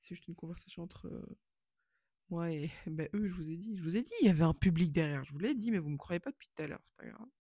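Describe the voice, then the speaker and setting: A woman's voice: on the low side, quick pace, mellow, husky, no room sound. A woman in her twenties talking to camera in a casual, rambling and self-mocking monologue that slips in English phrases. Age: 20s. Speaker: vlogger.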